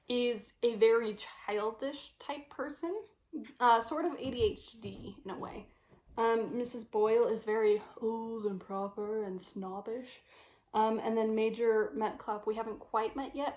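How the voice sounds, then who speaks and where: A woman's voice: a little high, a little mellow. A young woman vlogging casually from her bedroom, chatty and giggly as she thinks aloud. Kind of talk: casual chat.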